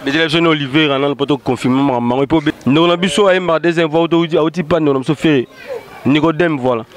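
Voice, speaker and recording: Tv host guy, kinda high voice, doing thank yous and intros. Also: fast. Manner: warm thanks and introductions, mixes French with Lingala. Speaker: TV show host. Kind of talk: hosting a TV interview show.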